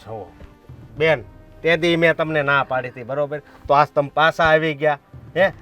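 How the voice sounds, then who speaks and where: A man's voice: fairly high pitch, fairly even intonation, normal speed, bright, forceful tone, soft background music. A man playing a bossy, threatening village enforcer. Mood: stern. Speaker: village strongman blocking the road. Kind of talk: short film drama acting.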